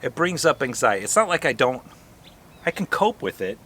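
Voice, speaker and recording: A man's voice: mid-range voice, sing-song, a little fast, sharp tone. A man hosting an RV travel vlog, chatting casually and unscripted, explaining himself with rhetorical questions.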